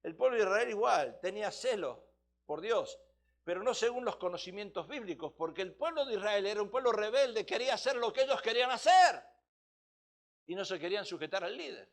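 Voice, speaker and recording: High-voiced man preaching a teaching sermon. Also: lively intonation, fairly quick. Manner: emphatic, teacherly, asks rhetorical questions. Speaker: pastor.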